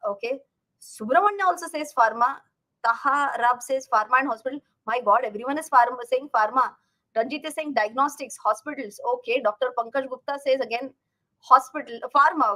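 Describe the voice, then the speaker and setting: A woman's voice: high-pitched, fairly quick, bright, forceful tone, poor audio. A woman with an Indian accent hosting a casual livestream as a finance educator, chatting directly to viewers and repeating words for emphasis.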